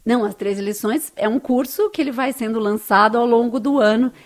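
A woman with a Brazilian Portuguese accent answers interview questions earnestly and enthusiastically, often tagging on little questions. Her voice is a little high and her pace brisk.

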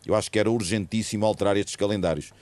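A man's voice: on the low side, fairly even intonation, rapid-fire, darkish tone, no room sound. A man with a European Portuguese accent giving emphatic, opinionated football analysis in a panel talk.

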